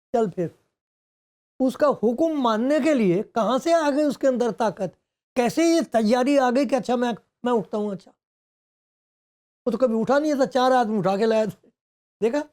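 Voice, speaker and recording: A man's voice: extremely high pitch, darkish tone. A male pastor preaching a conversational sermon, asking many rhetorical questions and acting out the voices of people in the story. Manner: acts out the speech of people in the story.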